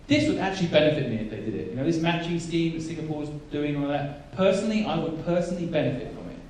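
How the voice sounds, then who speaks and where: An English angel investor on a panel speaks bluntly and emphatically, often restarting his sentences. His fairly high voice is expressive, fast and darkish, captured by a distant mic in an echoey hall with a little hiss or hum.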